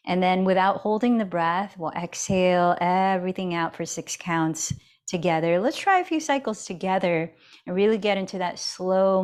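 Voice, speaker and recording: A woman guiding a yoga class and breathing practice, talking slowly and softly and counting out breaths. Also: fairly low pitch. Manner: slow, soft and soothing, counting breaths. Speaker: yoga instructor. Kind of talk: guided yoga and breathing instruction.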